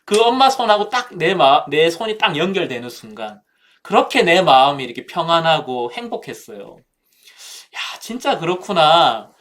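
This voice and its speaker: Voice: mid-range voice, sing-song, normal speed, fairly bright tone. A speaker at a Bible seminar telling a childhood story in a Bible talk, using vivid sound words and addressing listeners directly.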